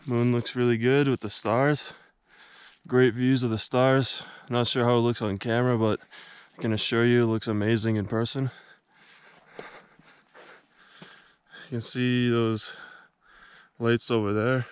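A man's voice: medium pitch, little pitch movement, unhurried, pauses often, smooth, no echo. A man narrating his own mountain climb in a hiking vlog, giving short upbeat running comments as he walks. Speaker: hiker filming his climb. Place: outdoors on a dark mountain trail and open summit. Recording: wind noise on camera mic. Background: wind.

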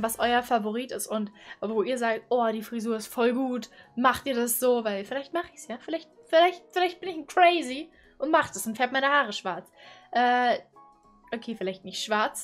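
A woman of twenty-one, chatty and playful, commenting casually from a small bedroom into a condenser mic. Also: fairly high pitch. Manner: chatty, playful, exclaims and giggles. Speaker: YouTuber. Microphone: studio condenser mic on boom arm.

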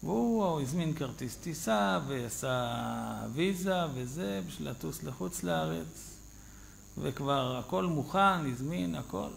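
Rabbi guy, high gravelly voice, animated sermon storytelling. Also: a little hiss or hum. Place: synagogue.

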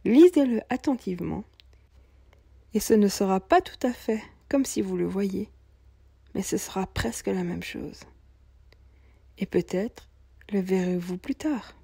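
A kind old shoemaker in a storybook tale, played by a woman, coaxing and fatherly. The delivery is slow and husky, recorded dry. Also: mid-range voice, warm tone, dry recording. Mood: earnest. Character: kindly old male cobbler, gentle.

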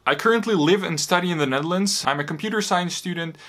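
Earnest young man, bright voice. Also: high voice, fast. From Bosnia. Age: 20s. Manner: earnest, steady, with occasional fillers. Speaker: student making a crowdfunding appeal. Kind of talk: earnest scripted-sounding appeal to camera. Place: small home room with shelves.

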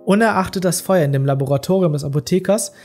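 An audiobook narrator reading a classic literary tale in a measured, expressive storytelling manner. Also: medium pitch, faint music behind.

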